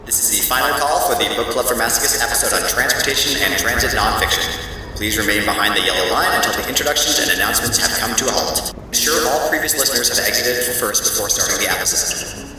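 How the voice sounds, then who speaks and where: A man doing a station announcer over the intercom. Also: medium pitch. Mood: formal. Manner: polite, measured announcer delivery. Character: formal adult male train station announcer. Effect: train station loudspeaker announcement over the intercom. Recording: echoey distant hall with background noise.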